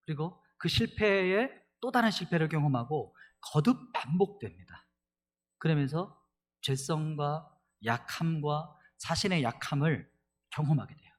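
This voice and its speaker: A middle-aged male pastor giving an animated sermon, leading the congregation in reading scripture aloud. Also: a little high, breathy edge.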